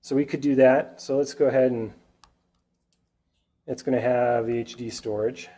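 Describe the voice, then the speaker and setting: A man with a mellow, mid-range voice and fairly even intonation speaks at a normal pace, though a sinus cold leaves him stuffy and nasal. He gives a casual whiteboard tech talk to a user group, chatting freely and constantly checking in with the audience by asking "right?"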